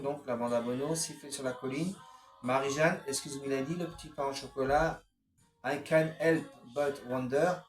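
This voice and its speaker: A man's voice: mid-range voice, roomy sound. A man in a casual home video showing his CD collection, talking hesitantly with many fillers as he lists song titles. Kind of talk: casual unscripted collection vlog.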